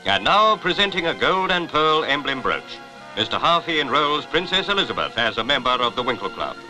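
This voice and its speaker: Reading scripted newsreel commentary from the 1950s, a man with a British RP accent sounds jaunty, formal and clipped. He speaks fairly quickly in a mid-range voice with big pitch swings. The vintage soundtrack is low quality and has music underneath.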